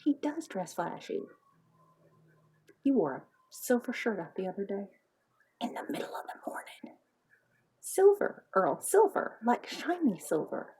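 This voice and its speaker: A woman voicing a nosy gossiping wife who pesters her husband, dropping to hushed whispers and then bursting out loud. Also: mid-range voice, big pitch swings, normal speed, long pauses, husky, full character voice, poor audio. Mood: gossipy.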